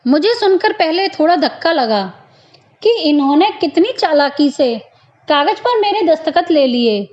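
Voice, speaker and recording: A woman storyteller reads a first-person moral tale gently and thoughtfully. Her voice sits very high and moves slowly. The recording is slightly dull and lo-fi. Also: expressive.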